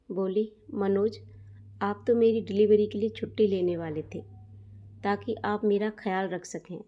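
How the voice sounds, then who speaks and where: A woman narrating a dramatic family story in a steady, scripted storytelling manner. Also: medium pitch.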